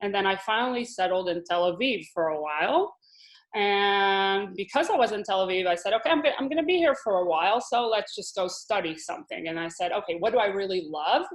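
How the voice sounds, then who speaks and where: A woman in her thirties from Israel, a Hebrew teacher, is a guest in a casual interview about her life. Her mid-range voice is animated and brisk, and she's chatty, laughing often and restarting her sentences.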